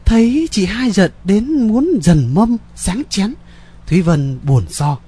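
A man narrating a story in a lively, ornate storyteller manner. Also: high-pitched, slow, slightly rough.

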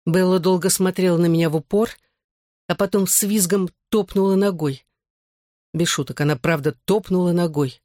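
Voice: medium pitch, steady tone, normal speed, mellow, no echo. Audiobook narrator, first-person, curt and cold; dry studio read. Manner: curt, cold, clipped delivery.

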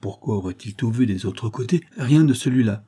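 A man reading an audiobook voices a bull-built, boastful gambler who blusters with loud indignation. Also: mid-range voice, expressive, fairly quick, slightly rough. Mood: blustering.

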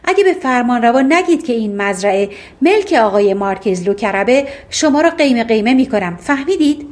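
Lady doing a sly bossy storybook cat, high sharp threatening voice. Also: animated, natural voice. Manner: threatening, harsh, commanding. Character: cunning bossy talking cat, male.

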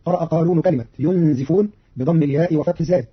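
Fast formal male radio presenter. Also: fairly high pitch, breathy edge. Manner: fast, formal, didactic delivery. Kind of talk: scripted explanation of recitation readings. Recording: dull lo-fi radio recording.

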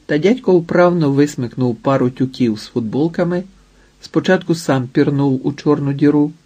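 A man narrating a novel in a measured, unhurried storytelling manner. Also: on the high side, mellow, husky, highs cut off. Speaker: audiobook narrator. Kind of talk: scripted narration.

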